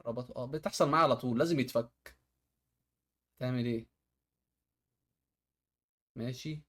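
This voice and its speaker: A man's voice: mid-range voice, normal speed, a bit bright. A man from Egypt with an Egyptian accent, reacting to home-hack videos in casual commentary and often exclaiming at the tricks. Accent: Egyptian Arabic.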